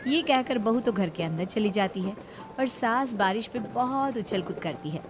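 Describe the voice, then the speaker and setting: A woman narrating a cartoon family story in an even, storytelling manner. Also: mid-range voice, normal speed, background noise.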